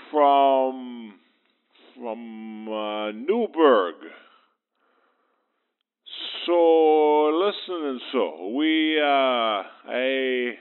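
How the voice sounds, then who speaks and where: A man leaving a rambling, halting voicemail over a landline phone, full of fillers. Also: fairly high pitch, smooth. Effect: heard over a landline phone. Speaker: phone-in caller. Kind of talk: voicemail message to a radio show. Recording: tinny phone line.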